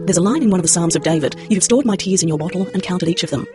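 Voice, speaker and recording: A woman's voice: fairly low pitch, rapid-fire, loud music behind the voice. A woman hosting a radio documentary, asking inquisitive, leading questions. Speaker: radio host.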